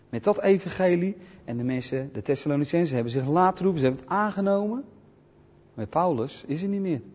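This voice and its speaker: Husky-voiced man teaching Bible study in a hall. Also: a little high, a little mellow. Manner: emphatic, with frequent rhetorical check-ins. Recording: dull lo-fi with long hall reverb.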